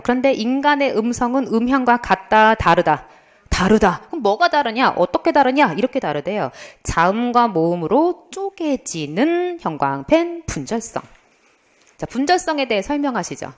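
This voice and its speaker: A middle-aged woman lecturing for an exam prep course, quizzing students and then answering her own questions in a playful way. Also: on the high side. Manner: lively, asks students questions and answers them herself; playful, imitates sounds and tells funny anecdotes. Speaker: Korean language lecturer.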